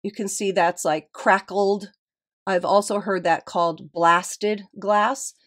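A woman's voice: mid-range voice, fairly even intonation, slow pace, a bit bright. A middle-aged woman hosts a casual show-and-tell. Her voice is a little nasal and stuffed up from a cold. She talks in a chatty, appreciative way, often musing aloud as she goes.

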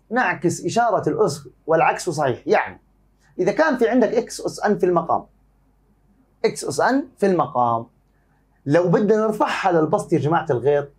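Jordanian guy teaching math online, quick and a bit husky, talks fondly to students and quizzes himself. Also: high voice. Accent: Jordanian Arabic. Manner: affectionate, asks and answers his own questions. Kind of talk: online exam-prep math lesson.

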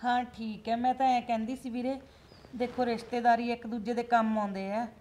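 A woman's voice: on the high side, flat delivery, fairly quick, darkish tone, slight background noise, natural voice. An actress playing an anxious village mother, pleading with her brother for help. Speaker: mother of the groom. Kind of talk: rural comedy-drama acting.

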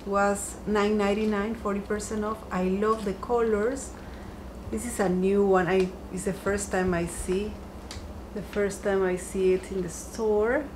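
A home decor vlogger chats upbeat about her decor finds in a casual shopping haul, sitting by a window in her dining room at home. Her mid-range voice shows little pitch movement and keeps a measured pace, lingering softly on each item against a noisy background.

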